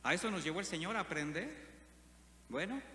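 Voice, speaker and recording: A man preaches a sermon, often putting questions to the congregation. His voice is bright and forceful. It rings through a roomy church hall with a long echo and a faint hum behind it. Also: high voice, lively intonation, a little fast. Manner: asks the congregation frequent rhetorical questions. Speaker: pastor.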